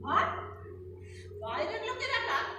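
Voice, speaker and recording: Woman doing a defiant lady boss, indignant and exclaiming, super high voice, distant and echoey. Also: big pitch swings, a little slow, background noise, exaggerated voice. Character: proud woman running a women's consultancy, defiant then panicked. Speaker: head of a women's consultancy. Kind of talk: stage play acting. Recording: echoey hall, distant mic, music behind.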